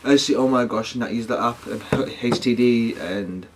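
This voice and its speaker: A man's voice: mid-range voice, normal speed, a little hiss or hum. Man, casual rambling vlogger. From United Kingdom. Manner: rambling, slangy, with self-corrections. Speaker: paranormal investigation vlogger. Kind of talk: casual talk to viewers.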